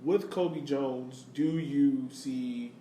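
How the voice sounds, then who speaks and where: An American man co-hosts a sports podcast, casually discussing soccer and sharing his opinions in a conversational way. His voice is medium-pitched and dark in tone, and he speaks very slowly. The recording sounds roomy, with a distant mic and faint noise.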